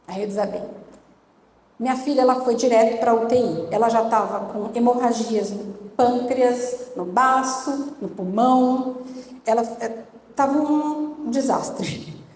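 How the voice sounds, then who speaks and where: A woman's voice: fairly high pitch, unhurried, a little mellow. A middle-aged woman giving an emotional testimony as a sermon, telling her story earnestly and acting out the dialogue. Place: church conference hall. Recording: echoey church hall with faint noise.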